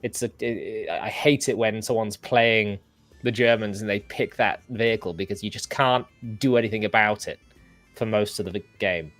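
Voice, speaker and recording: A man's voice: fairly low pitch, fairly even intonation, normal speed, fairly bright tone, no room sound, faint music behind. An English man hosting a casual livestream chat, rambling and self-deprecating with many restarts. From England. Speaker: host.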